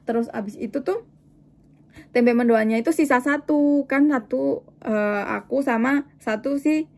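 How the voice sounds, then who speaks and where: High-voiced young woman telling a story. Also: measured pace, gravelly. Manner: chatty, animated, acts out dialogue in quotes. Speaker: vlogger living in Japan. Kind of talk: casual storytelling to viewers.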